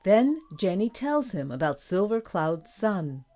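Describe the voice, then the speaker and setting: Slow, careful woman reading a storybook. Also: mid-range voice, sing-song, mellow. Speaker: audiobook narrator. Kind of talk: scripted narration of a graded reader.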